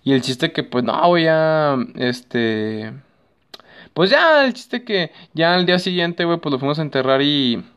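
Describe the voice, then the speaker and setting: A young man with a Mexican accent recounting a sad memory in casual chat, halting and slangy, dropping "güey" constantly. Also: a little high, lively intonation, fairly bright tone, smooth, highs cut off.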